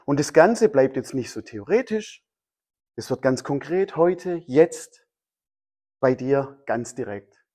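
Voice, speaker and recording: A man's voice: mid-range voice, expressive, takes it slowly, dark tone. A man preaching a sermon, emphatic and fond of repeating his key phrases. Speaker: pastor.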